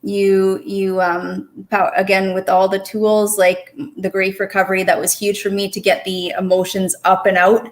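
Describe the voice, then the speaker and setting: Candid woman guest, mid-pitched. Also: little pitch movement, moderate pace, hardly any pauses. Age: 40s. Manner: candid, personal, hesitant with restarts. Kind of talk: casual conversation.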